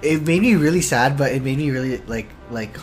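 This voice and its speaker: A woman's voice: rumbling low, lively intonation, brisk, a little mellow, soft background music. A woman co-hosting a casual podcast chat, rambling and filling her talk with "like". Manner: rambling, heavy use of "like", swearing. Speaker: podcast co-host.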